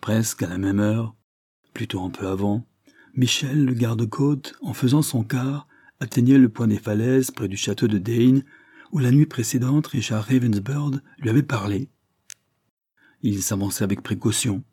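Un homme lecteur de livre audio lit un roman victorien d'une narration posée et régulière. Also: male voice, medium pitch, normal speed, warm tone, slightly rough, no room sound, clean studio sound. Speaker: audiobook reader. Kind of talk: reading a Victorian novel.

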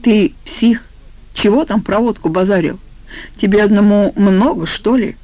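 A woman's voice: mid-range voice, unhurried, warm tone, no room sound, highs cut off, close to an everyday voice. A woman voicing a lazy young male guard who talks coarsely and swears. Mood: crude.

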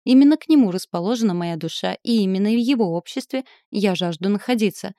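Woman doing a flustered young lady, higher and sharper, dry close mic. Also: animated, quick pace, mellow, no room sound, close to an everyday voice. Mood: indignant. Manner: pleading, then sharply indignant. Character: proud young noblewoman, flustered and indignant. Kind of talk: audiobook character reading.

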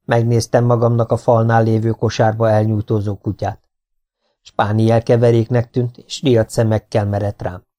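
A man reading a story aloud as an audiobook narrator, with a steady, even storytelling delivery. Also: fairly low pitch. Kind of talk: scripted narration.

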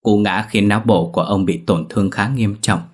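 A man narrating a scripted horror story in a steady, dramatic way. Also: fairly low pitch, a little fast, slightly rough.

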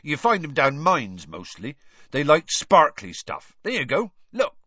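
A man's voice: on the high side, wildly swooping pitch, measured pace, pushed and bright, husky, dry recording, voice pushed up, heavily acted. A man voicing a huge, kindly male gamekeeper who talks in a homely way and drops his word endings. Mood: cheerful. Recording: dull dry lo-fi audio.

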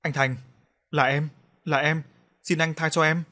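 A man's voice: medium pitch, a little fast, fairly bright tone, lightly acted. A man doing a stammering, begging young gambler. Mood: pleading. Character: terrified young gambler pleading for mercy.

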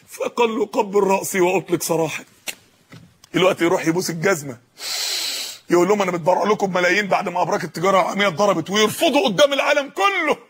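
A man preaching a passionate sermon with an Egyptian accent, swinging from storytelling to shouted appeals. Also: sits high, a little hiss or hum. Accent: Egyptian Arabic. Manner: impassioned, rising to shouts, acts out quoted voices.

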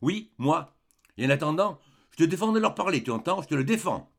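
A man's voice: a little high, big pitch swings, brisk, gravelly, heavily acted. A jealous, indignant young man, as a male storyteller puts him on, speaks with tight, trembling outrage. It sits close to the reader's own voice, read from a literary story. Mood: commanding.

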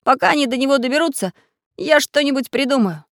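A woman plays a storybook iron man who takes charge. He speaks quickly and bossily, a little higher than an everyday voice. The narration is close and dry. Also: expressive, no room sound. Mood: commanding. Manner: commanding. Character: brisk little iron man, bossy inventor.

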